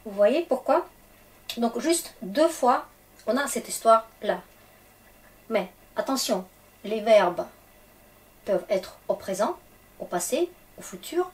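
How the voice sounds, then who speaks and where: A woman with a Russian accent teaching Russian grammar in French, explaining patiently and checking in often. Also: medium pitch. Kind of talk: grammar lesson for French speakers.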